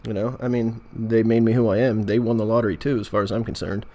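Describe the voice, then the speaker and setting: A man's voice: on the low side, level tone, fast, warm tone. Casual, rambling American man, jokey and meandering. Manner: jokey, meandering, self-interrupting. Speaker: video host. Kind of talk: casual rambling vlog chat.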